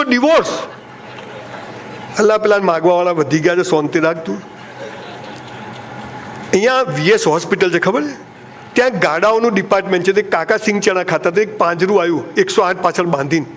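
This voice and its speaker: A man's voice: high-pitched, fairly bright tone, a little hiss or hum. A man with a Gujarati accent giving a live motivational speech to a seated audience, joking and acting out lovers' lines in playful voices. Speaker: motivational speaker.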